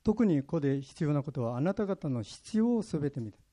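A man's voice: fairly high pitch, big pitch swings, a little fast, warm tone. A pastor from Kyushu, Japan, preaching a sermon in an earnest way, sharing his own stories. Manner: earnest, personal storytelling.

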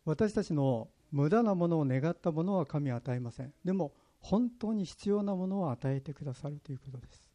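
A man's voice: fairly high pitch, lively intonation, fairly quick, few pauses, mellow. A pastor from Kyushu, Japan, preaching a sermon in an earnest way, sharing his own stories. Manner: earnest, personal storytelling.

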